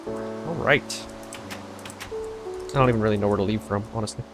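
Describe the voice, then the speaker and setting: A man's voice: on the low side, moderate pace. Young guy chatting through a let's play, sarcastic, rambly, faint game music under him. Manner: rambling, sarcastic, laughs often. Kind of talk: casual gameplay chat.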